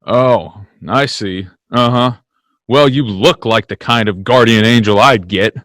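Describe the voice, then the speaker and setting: A man playing George, a bitter, desperate family man at his wits' end, agitated and halting in an old-time radio play. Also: lowish voice, fairly bright tone, no room sound, studio quality. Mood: dejected, bewildered.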